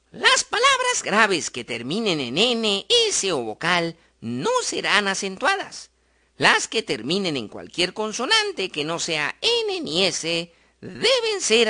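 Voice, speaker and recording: A woman narrating a scripted spelling lesson, slowly sounding out stressed syllables in her example words. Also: medium pitch, pushed and bright. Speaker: teacher.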